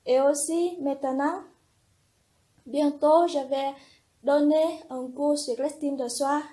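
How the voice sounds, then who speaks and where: A young woman, a religious sister in formation, giving a slow, earnest personal testimony in simple phrases. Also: high-pitched, mellow.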